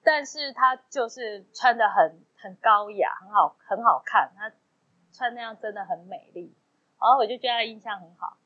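A woman's voice: fairly high pitch, moderate pace. A woman co-hosting a casual chat, telling stories in Taiwanese Mandarin and acting out the dialogue. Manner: animated storyteller, acts out quoted dialogue. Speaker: podcast co-host. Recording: dull lo-fi sound.

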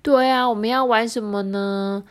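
A woman voicing a playful little squirrel kid in a storybook, lively and drawn-out. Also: a little high, voice pushed up, lightly acted.

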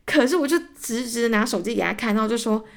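A woman's voice: fairly high pitch, fast, vocal fry. A young woman with a Taiwanese Mandarin accent hosting a solo podcast, telling stories animatedly and acting out both sides of arguments, growing exasperated. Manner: gets heated and exasperated while retelling. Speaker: podcast host. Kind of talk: casual solo ranting storytelling.

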